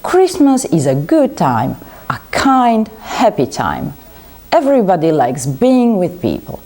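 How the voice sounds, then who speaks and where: Sunny kind young man read by a woman, slow lines leaping up in pitch. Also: huge pitch swings, full character voice. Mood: cheerful. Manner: warm pleading, bright exclamations. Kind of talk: storybook reading aloud.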